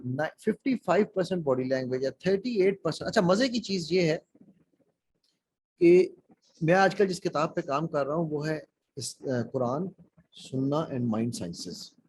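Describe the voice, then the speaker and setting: A man's voice: on the high side, unhurried, a little mellow, slight background noise, low-quality recording. A man leading an interactive speaking workshop on a call, asking the class questions and mixing in English phrases. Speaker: public speaking trainer. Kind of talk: interactive online workshop lecture.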